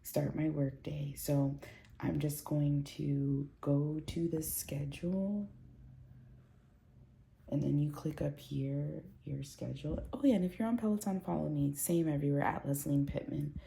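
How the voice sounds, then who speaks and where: This at-home vlog is recorded on a phone camera, with a woman chatting casually at a measured pace. Her voice is very low and gravelly, mellow and dark, and a lingering cold leaves her a bit stuffy as she wanders through her thoughts with lots of fillers and restarts.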